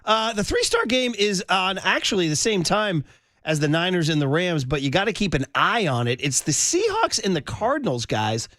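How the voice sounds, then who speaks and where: A man's voice: high-pitched, very animated, moderate pace, a bit bright, dry recording. A man hosting a sports radio show in a studio, chatting casually and joking while rattling off his weekend picks. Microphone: studio mic.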